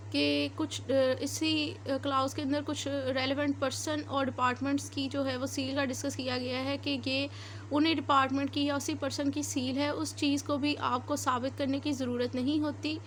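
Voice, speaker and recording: A Pakistani-accented law teacher with a high voice lectures by reading statutes aloud and then explaining them, mixing Urdu and English as she goes. Her delivery is explanatory, and there's a slight hiss or hum in the background.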